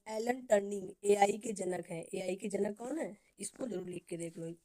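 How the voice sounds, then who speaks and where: A woman teaching an exam-prep class with a mellow, relaxed tone. She asks a question, then answers it herself, and drills the key terms by repeating them over and over. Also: mid-range voice, normal speed, low-quality recording. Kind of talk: Hindi exam-prep lecture.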